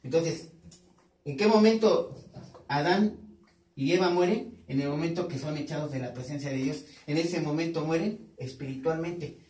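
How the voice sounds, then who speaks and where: Male pastor, teaching sermon, quizzes his flock; slightly high pitch, recorded far off in an echoey church. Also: moderate pace, a little mellow. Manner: quizzes the congregation with questions, repeating key words. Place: church hall.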